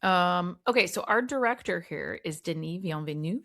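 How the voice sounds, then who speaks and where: A woman's voice: on the low side, expressive, normal speed, a bit bright. A woman co-hosting a film podcast, chatting casually, swearing freely and joking at her own expense. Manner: profane, self-deprecating, chatty. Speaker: podcast co-host.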